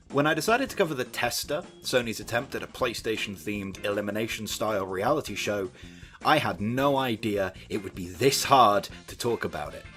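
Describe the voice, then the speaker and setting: A man's voice: fairly low pitch, a bit bright. A young man narrating a scripted video essay with sardonic asides and the odd swear word.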